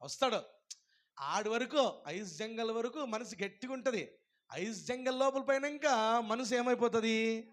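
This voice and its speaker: A pastor preaching a sermon, swinging between loud proclaiming and hushed, tender asides, now and then singing hymn lines slowly. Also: male voice, extremely high pitch. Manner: breaks into slow sung hymn lines.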